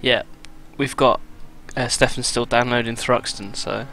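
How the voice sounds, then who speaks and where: A man, commentating a sim racing event in a relaxed, chatty way. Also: medium pitch, a little slow. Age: 20s. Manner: relaxed, chatty, reads out lap times with fillers. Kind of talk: casual race commentary.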